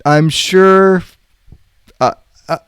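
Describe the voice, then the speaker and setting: A man co-hosting a podcast on a call, talking slowly and hesitantly with many fillers. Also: sits high, fairly bright tone, clear, resonant tone. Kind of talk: casual chat on a call.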